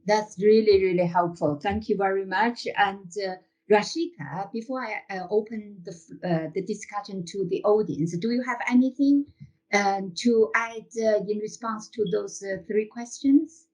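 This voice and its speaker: A woman's voice: medium pitch, normal speed, a little mellow, poor audio. A woman chairing a seminar over a video call, moderating politely and hesitantly, with many fillers.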